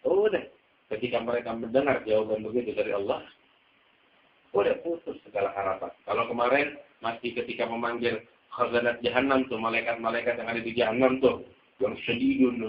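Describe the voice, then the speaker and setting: A man's voice: mid-range voice, fairly even intonation, brisk, reverberant, lo-fi sound. A man preaching a sermon, telling a story dramatically and acting out its voices, mixing Arabic recitation with casual speech.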